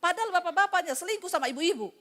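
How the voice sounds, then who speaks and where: A woman preacher voicing a husband who complains, aggrieved and quick, with a long hall reverb. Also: very high voice, expressive, fairly bright tone, pitched above the performer's own voice. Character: grumbling husbands complaining about sermons.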